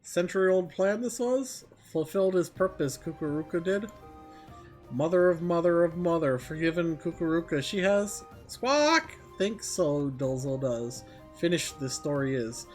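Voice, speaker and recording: Man putting on a high, squawking bird creature. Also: expressive, a little slow, faint music behind. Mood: excitable. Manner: inverted word order, third-person self-reference, exclamatory squawks. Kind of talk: reading game dialogue aloud in character.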